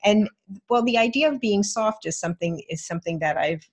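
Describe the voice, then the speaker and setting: A woman's voice: medium pitch, a little fast, husky. A woman co-hosting a podcast in casual conversation, talking reflectively and searching for her words. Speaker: podcast co-host.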